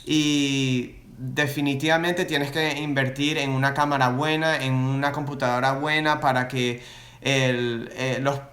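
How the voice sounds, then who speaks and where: A man's voice: mid-range voice, little pitch movement, moderate pace, a bit bright. A man answering viewer questions about his reptile business on a casual livestream, rambling with many restarts and switching between Spanish and English. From Florida. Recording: echoey room.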